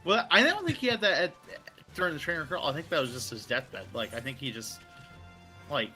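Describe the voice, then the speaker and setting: Bright-voiced man rambling with "like". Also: on the high side, lively intonation, brisk, faint music behind. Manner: rambling, heavy "like" filler, casual swearing. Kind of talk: casual gaming chat.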